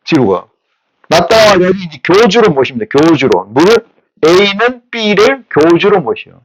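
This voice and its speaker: Male pastor, sermon; high and very animated, blunt street talk, keeps quizzing the congregation. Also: rough recording. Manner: teaches with rapid rhetorical questions; blunt, coarse colloquial speech.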